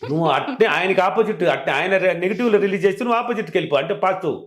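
A man working as a relationship coach, giving animated, emphatic advice and repeating his key points. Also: high voice, very fast. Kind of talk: advice talk. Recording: roomy echo.

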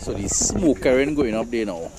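A man's voice: medium pitch, animated, normal speed, very noisy. A Trinidadian man casually narrating a nighttime outdoor cookout vlog for the camera, easygoing and chatty, laughing often. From Trinidad and Tobago. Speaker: vlogger.

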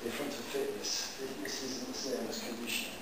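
In a large, echoey indoor dojo, an older English man teaches karate in a loose, chatty way with a brisk mid-range voice, often checking in with "yeah?". A far-off camera captured it, leaving the recording echoey and noisy.

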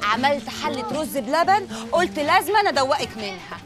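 An actress playing a flattering neighbor woman who coaxes and sweet-talks in Egyptian Arabic. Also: high-pitched, fairly quick, music in the background. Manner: sweet-talking, coaxing.

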